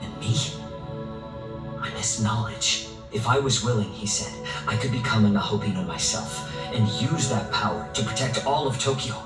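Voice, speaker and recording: A man's voice: on the low side, moderate pace, lightly acted. A male actor voicing an earnest, determined young man in a video game, speaking sincerely and resolutely. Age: young adult. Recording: echoey, distant sound under music.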